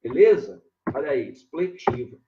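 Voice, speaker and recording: A man's voice: medium pitch, sing-song, normal speed, background noise. A man teaching grammar in a live online lesson, drawing out key words, repeating "ó" as he points things out, and greeting viewers by name. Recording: echoey room, dull lo-fi sound.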